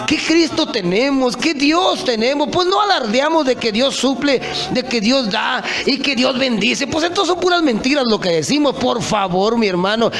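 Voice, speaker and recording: A man's voice: very high voice, a bit bright. A man preaching an impassioned sermon, often calling out to his listeners as brothers.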